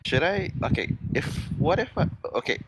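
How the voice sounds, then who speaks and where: A man's voice: on the high side, sing-song, moderate pace. A man playing a tabletop game, talking casually and tentatively as he suggests moves. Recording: clearly noisy mic with clicks.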